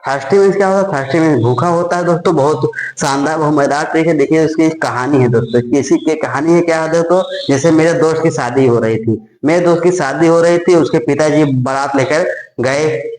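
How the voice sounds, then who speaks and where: A man's voice: on the high side, a little fast, darkish tone, echoey room, low-quality recording. A man teaching memory tricks for a psychology exam, repeating himself and asking and answering his own questions. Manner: repetitive, addresses viewers as friends, asks and answers his own questions.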